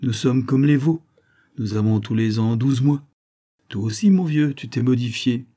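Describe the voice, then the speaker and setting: A man's voice: medium pitch, normal speed, mellow, lightly acted. A man reading the part of an easygoing, joking man of thirty in a storybook reading, in a wry, teasing manner. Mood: friendly.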